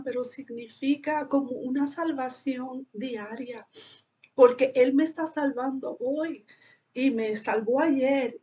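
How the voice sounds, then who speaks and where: A woman's voice: sits high, mellow. A middle-aged woman giving an earnest, heartfelt personal religious testimony, often asking rhetorical questions.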